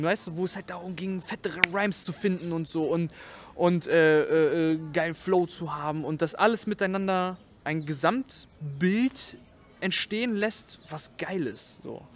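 A man's voice: high-pitched, moderate pace, a little hiss or hum. A young man, a rapper, chatting casually in slang in an interview. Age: young adult. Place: outdoors in a leafy park. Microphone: shared handheld interview microphone.

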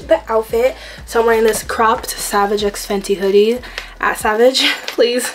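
A woman's voice: on the high side, steady tone, moderate pace, music in the background. A young adult woman vlogging to camera in a casual, candid and confiding way.

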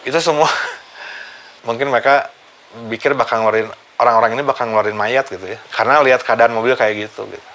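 A man, casually recounting a personal story for his vlog, animated and chuckling now and then. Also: medium pitch, fast talker. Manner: animated, chuckles while telling, acts out the quoted voices. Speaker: vlogger recounting his accident.

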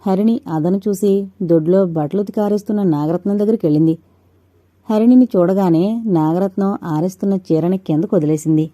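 A woman reading a novel aloud in steady scripted narration. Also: lowish voice, brisk, no room sound. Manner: steady storytelling. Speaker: audiobook narrator.

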